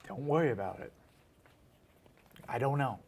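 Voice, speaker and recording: A man's voice: mid-range voice, expressive, normal speed, darkish tone. A man playing a worn-out young man who admits he can be cold, speaking in a subdued, weary way in a drama reading. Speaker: actor. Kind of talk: staged radio-style drama reading.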